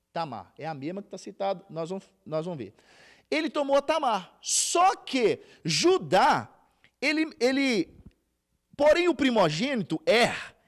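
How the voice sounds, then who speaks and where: High, creaky man teaching Bible. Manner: retells scripture in plain slang with frequent restarts; checks in with listeners. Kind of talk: casual Bible class teaching.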